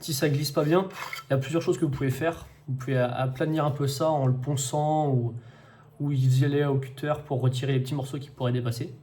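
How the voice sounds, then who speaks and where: A man's voice: mid-range voice, fairly even intonation, a little fast, mellow. A man casually explaining how to put together a printed model, hesitant and full of fillers, new to commenting. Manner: hesitant, many fillers and restarts, first time commenting. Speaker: 3D-printing maker demonstrating an assembly.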